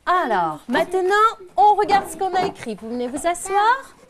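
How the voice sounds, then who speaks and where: Woman schoolteacher, high pitched, patient questioning, sounding out syllables in a noisy room. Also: very animated, moderate pace. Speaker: primary school teacher. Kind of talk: guiding a reading lesson with young children. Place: classroom. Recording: noisy classroom recording.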